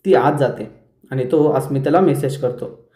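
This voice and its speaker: A man hosting a serial review, retelling the episode scene by scene in a brisk storytelling manner. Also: medium pitch, mellow. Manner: brisk storyteller who briefly lifts his voice for quoted lines. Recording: roomy echo.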